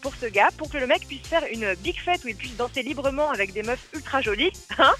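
A woman's voice: high voice, lively intonation, sharp tone, faint music behind. A woman giving a playful, teasing web news column on radio, joking as she talks. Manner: playful, teasing, quick talk with laughs.

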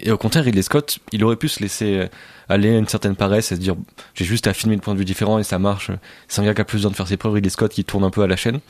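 A man with a lowish voice talks quickly through his view of a film, laying out his points in a steady, explanatory way. The recording is close and dry. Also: no echo. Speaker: film critic. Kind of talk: casual film discussion.

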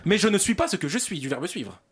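A man's voice: high voice, big pitch swings, fast talker, a loud crowd. A man hosting a joking radio panel, posing riddles and teasing the panel, laughing often.

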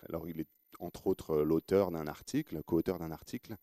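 A man's voice: deep voice, steady tone, moderate pace, warm tone, no room sound, clean studio sound. A man with an English accent hosting a radio panel, introducing guests with frequent hesitations. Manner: hesitant, many fillers and restarts. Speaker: radio host.

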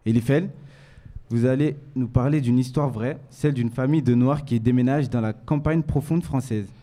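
A man's voice: medium pitch, moderate pace, dark tone. A teenage boy hosting a student radio show in a casual, joking way. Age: late teens.

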